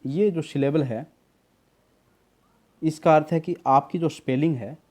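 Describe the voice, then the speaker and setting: Speaking at a measured pace in a somewhat high, slightly mellow voice, this male tutor runs a spelling lesson. He patiently explains each word, says it again, spells it out letter by letter, and addresses his students as "beta."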